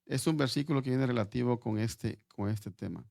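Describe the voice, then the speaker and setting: Male preacher, gravelly low-set voice, dry close sound, halting sermon delivery with restarts. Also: darkish tone, no room sound. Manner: halting, repeats words while reading scripture aloud.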